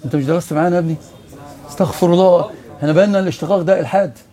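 A sheikh with an Egyptian Arabic accent teaches a religious study lesson, quizzing his listeners with rhetorical questions. His voice is high-pitched and mellow, and he talks at a racing pace. The recording is of a live class, with audience noise audible.

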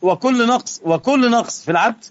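A man with an Egyptian Arabic accent giving a religious lesson, moving between calm explanation and heated rebuke. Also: very high-pitched, a little fast, muffled recording. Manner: impassioned, swings from quiet explaining to heated rebuke. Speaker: religious teacher.

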